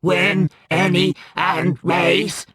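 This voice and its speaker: A woman voicing a hulking, fierce female beast that growls out slow, halting words. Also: lowish voice, little pitch movement, a bit bright, breathy edge, dry recording, clean studio sound, full character voice. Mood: growling.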